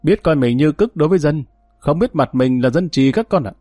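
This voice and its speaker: A man's voice: fairly high pitch, expressive, brisk, dark tone, no room sound, studio quality, faint music behind, voice pushed up. A man reading an audiobook, voicing a tough, menacing male gang leader who talks in harsh threats.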